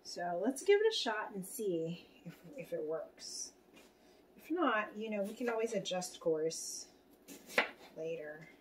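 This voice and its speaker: A woman with a lowish, sing-song voice talks at a measured pace over background noise. She's a home cook reviewing a meal kit in her kitchen, chatting casually to viewers and herself while reading the recipe steps aloud in a cooking vlog.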